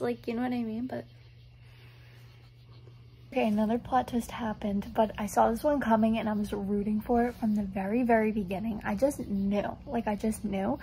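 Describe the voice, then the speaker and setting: A woman's voice: fairly high pitch, warm tone, slight background noise, low-quality recording. A young woman vlogger chatting casually about books, recorded on her phone's camera and peppering her talk with "like". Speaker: book vlogger. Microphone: phone camera instead of her usual camera.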